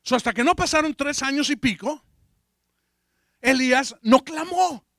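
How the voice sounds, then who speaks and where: Brief: high-voiced man preaching, unhurried, keeps checking in with the congregation. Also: a bit bright, no room sound, clean studio sound. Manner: asks the congregation questions, mixes in English fillers. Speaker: pastor. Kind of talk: sermon.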